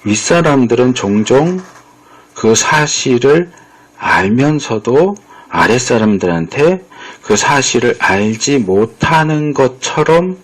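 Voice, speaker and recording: A man's voice: mid-range voice, lively intonation, slow, breathy edge. A male pastor giving a conversational sermon, acting out bits of dialogue as he explains. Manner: conversational preaching, acts out quoted dialogue.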